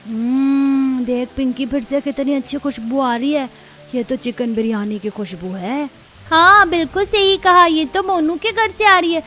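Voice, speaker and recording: A woman's voice: sits high, measured pace, fairly bright tone. A woman voicing poor, hungry young village children, a boy and a girl, who plead and stammer in a cartoon. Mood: playful. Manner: pleading, stammering when upset. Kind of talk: Hindi cartoon voice acting.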